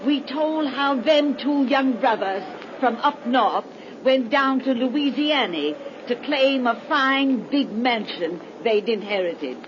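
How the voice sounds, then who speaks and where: A woman's voice: high-pitched, animated, takes it slowly, lo-fi sound. An actress playing a gleefully macabre old American witch who tells horror tales in folksy rustic dialect, in 1930s radio style. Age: older. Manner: folksy rustic dialect, cackling, relishing the gruesome. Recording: noisy, band-limited 1930s radio recording.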